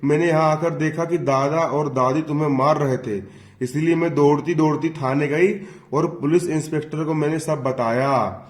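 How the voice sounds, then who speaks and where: A man's voice: a little high, fairly even intonation, normal speed, echoey room, close to an everyday voice. A brave little schoolgirl earnestly recounting events in a classroom retelling of a play, voiced by a male teacher. The voice stays close to the teacher's own. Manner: earnest explaining.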